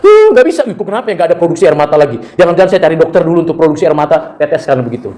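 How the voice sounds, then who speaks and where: Speaking very fast with a voice on the high side, this middle-aged Indonesian preacher and university lecturer recounts personal stories during a sermon. He brings them to life by performing the voices of the people he quotes.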